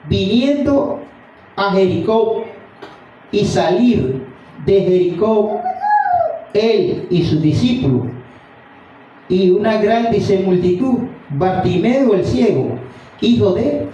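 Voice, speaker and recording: A fervent male preacher with a high, dark-toned voice and an unhurried delivery. He is heard from far off in a very echoey room, and the sound is dull. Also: expressive, slight background noise. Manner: fervent, repeatedly addressing listeners as brother. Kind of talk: evening sermon with Bible reading. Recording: dull, roomy sound from a distant mic.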